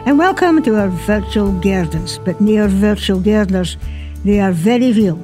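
A woman's voice: mid-range voice, animated, normal speed, dark tone, soft background music. A woman with a broad Scottish accent presenting a gardening radio show informally and chattily, sprinkling in Scots words.

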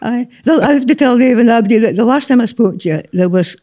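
A woman's voice: fairly high pitch, animated, fast, warm tone. A woman with a broad Scottish accent presenting a gardening radio programme, chatty and bantering, with Scots dialect words. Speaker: radio host.

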